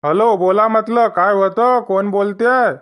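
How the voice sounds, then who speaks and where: A woman voicing a calm, matter-of-fact middle-aged male village doctor in a cartoon comedy, with a Vidarbha Marathi accent. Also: mid-range voice, measured pace, voice pushed down, close to an everyday voice. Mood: businesslike.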